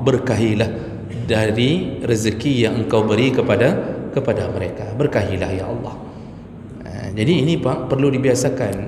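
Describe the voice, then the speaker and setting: A man's voice: fairly low pitch, noisy background. A male preacher giving a chatty, joking sermon lecture, talking straight to his listeners in a mosque. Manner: jokey, chatty, addresses listeners directly. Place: mosque hall. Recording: echoey mosque hall, faint ambience.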